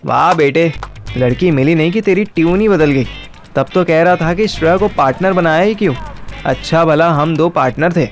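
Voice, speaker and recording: Over soft background music, a man narrates a first-person audio story in which he is also the lead character, acting out the dialogue in colloquial Hindi mixed with English. His pitch is fairly high and his pace moderate.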